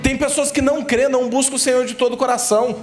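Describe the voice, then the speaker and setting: A man's voice: extremely high pitch, fairly even intonation, fast. A male pastor from Brazil preaching a fervent sermon, often asking his congregation "amém?". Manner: fervent preaching, addresses listeners as "querido", asks "amém?". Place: church sanctuary. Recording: echoey church hall, faint music.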